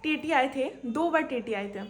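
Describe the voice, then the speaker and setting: A woman's voice: high-pitched, animated, normal speed, faint music behind. A young woman vlogging on a crowded local train, chatty and storytelling, retelling her conversations at length. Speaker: travel vlogger. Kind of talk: casual vlog storytelling.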